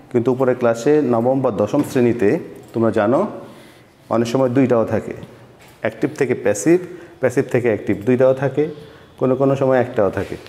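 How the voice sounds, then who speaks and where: Mellow-voiced male teacher in an echoey room. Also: mid-range voice. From Bangladesh. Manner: patient, repeats words while explaining. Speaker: English teacher. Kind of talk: online class lecture. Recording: echoey room with long reverb.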